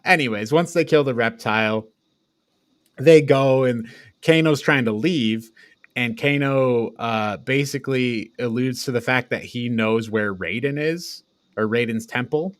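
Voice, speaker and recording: A podcast co-host with a medium-pitched voice speaks a little slowly in a dry recording as he retells a film. His chat is casual, rambling, and sweary, with frequent chuckles.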